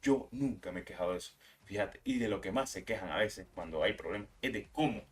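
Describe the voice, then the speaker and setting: A man's voice: fairly low pitch, fairly quick. A young man, hosting a gaming channel and ranting heatedly in casual, profane commentary.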